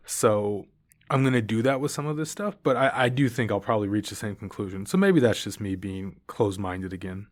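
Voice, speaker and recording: A man in his thirties hosting a podcast, giving casual, opinionated and rambling thoughts on a book he just finished. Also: mid-range voice. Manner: opinionated, rambling, dismissive asides. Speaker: podcast host. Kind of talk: casual solo book review.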